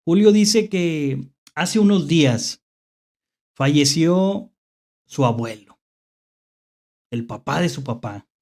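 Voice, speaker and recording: Very slow-talking Mexican horror host. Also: medium pitch, expressive, a little mellow. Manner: hesitant, repeats phrases, checks in with rhetorical questions. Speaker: host of a horror story show. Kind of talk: unscripted spooky storytelling to an audience.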